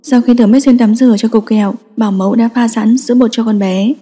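A woman narrating a story in a steady, scripted storytelling style. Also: fairly high pitch, quick pace, breathy edge, big-room sound. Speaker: audiobook narrator.

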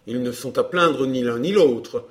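A man reading a glib, self-assured gentleman in an audiobook dialogue, smooth and bantering. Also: medium pitch, unhurried, close to an everyday voice.

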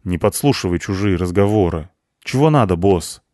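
A man voicing a gruff, snappish young female cleaner in an audiobook. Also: low voice, lively intonation, moderate pace, a little mellow, dry recording, studio quality. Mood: grumpy. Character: grumpy young female cleaner, sharp-tongued.

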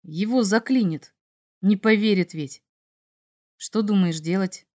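A woman's voice: medium pitch, measured pace, a little mellow, natural voice. A woman reading as a cocky young male dragon. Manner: teasing, self-assured. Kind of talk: audiobook character reading.

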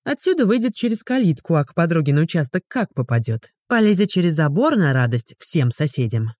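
A woman reads an audiobook with lively, animated inflection and a mellow, warm timbre. The recording is close and dry, with no room sound. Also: low voice, a little fast, dry recording. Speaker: audiobook narrator. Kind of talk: audiobook narration.

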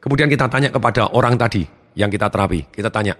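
A man giving a motivational seminar talk, energetic and acting out his students' lines. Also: fairly low pitch, rapid-fire, long reverb tail. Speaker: motivational trainer.

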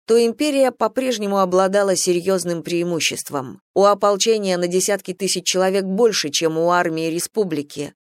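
Audiobook narrator, even measured reading, mid pitch, dry close sound. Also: no room sound. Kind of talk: scripted narration.

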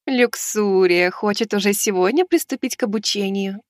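Guy doing a chill teacher lady voice, higher, kinda amused. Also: normal speed, no echo, clean studio sound, lightly acted. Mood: calm. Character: calm amused female teacher, adult, composed.

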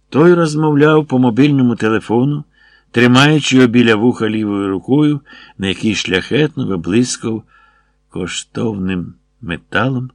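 A man's voice: medium pitch, no room sound. Man reading an audiobook, dry sound. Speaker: audiobook narrator. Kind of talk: audiobook narration.

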